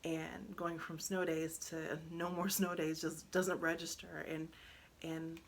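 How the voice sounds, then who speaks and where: A woman, casually sharing parenting advice, earnest and animated when retelling. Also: deep voice, takes it slowly, slight background noise. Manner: earnest, animated when retelling, drops to a hush when describing the panic. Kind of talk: casual talk to camera.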